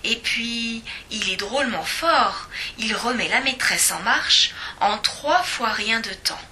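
Woman, children's storybook reading, expressive, bright, slow-paced. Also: a little high, slight background noise.

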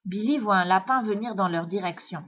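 A woman narrating a children's storybook in a measured, expressive way. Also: medium pitch. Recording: dull lo-fi recording.

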